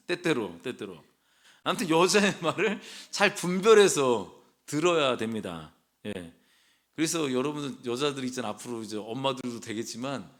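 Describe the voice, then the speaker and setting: A male pastor delivering a sermon in a church sanctuary. His voice is bright and ringing, and his pitch swings widely and animatedly. He speaks conversationally, questions the congregation and slips in humorous asides.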